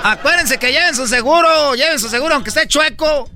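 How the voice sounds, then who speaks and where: A man spins a comic yarn as a boastful country rancher. His voice sits very high and sounds piercingly bright. He rambles along, leaning on endless fillers. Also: a little fast, soft background music, some chatter behind. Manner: rambling, full of fillers like "pues", laughing at his own tale. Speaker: radio comedy host. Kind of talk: comedic storytelling in a rancher persona.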